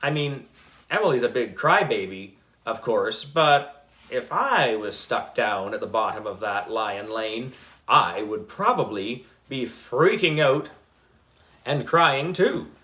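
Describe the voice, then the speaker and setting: A man reading a children's chapter book aloud, unhurried, giving quick voices to the characters and dropping in asides. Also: medium pitch, expressive, sharp tone. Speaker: audiobook reader.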